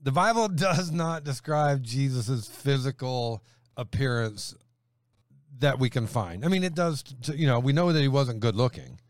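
A man from Honduras hosting a relaxed Bible discussion, laughing easily and reading scripture aloud. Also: mid-range voice, unhurried, no echo, clean studio sound. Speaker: host.

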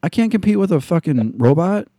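A man ranting in casual talk, swearing constantly and mocking people with quick put-on voices. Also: high voice, expressive, warm tone, no echo, studio quality. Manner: heavy swearing, mocking impressions. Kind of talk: casual profane rant.

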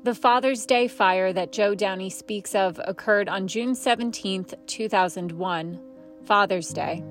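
A woman reading scripted documentary narration in a measured, solemn manner. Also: mid-range voice. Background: music.

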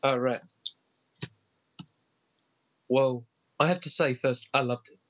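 A man's voice: mid-range voice, slow, fairly bright tone, lo-fi sound. A man co-hosting a casual comedy chat about films, rambling and correcting himself as he goes. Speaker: co-host.

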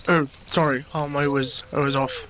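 A man's voice: a little high, little pitch movement, moderate pace, a bit bright. A man playing a tabletop role-playing game, who talks hesitantly with many fillers. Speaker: player. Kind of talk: tabletop role-play chat.

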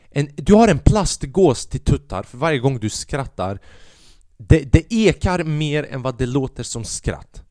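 Lively-voiced man telling stories. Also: fairly high pitch, no echo, studio quality. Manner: animated, profane, rambling. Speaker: podcast host and stand-up comedian. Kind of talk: casual storytelling monologue.

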